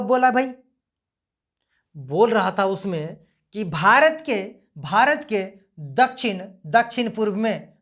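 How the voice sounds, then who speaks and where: A woman's voice: on the high side, fairly bright tone. A woman teaching a geography lesson, repeating points and quizzing her listeners as she goes. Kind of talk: casual classroom-style lesson.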